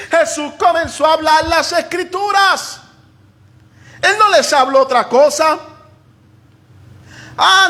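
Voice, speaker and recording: A pastor preaches in a strikingly high voice. He delivers his sermon with fervor, rising to shouts and acting out quoted voices. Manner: impassioned preaching, voicing God and people in quotes.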